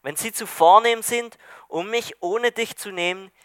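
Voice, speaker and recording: A man's voice: sits high, measured pace, a bit bright, dry recording. A man reading the lines of a proud, bitter dead man who scorns mercy, indignant and scornful. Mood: defiant.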